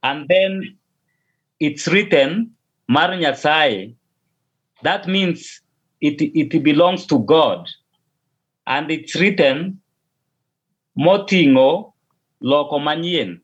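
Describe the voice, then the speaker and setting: The speaker is a Kenyan pastor, Luo by mother tongue, giving hesitant interview answers over a call with many repeated and restarted words. He talks very slowly with long pauses, and his slightly high voice has lively intonation. The recording sounds dull and lo-fi.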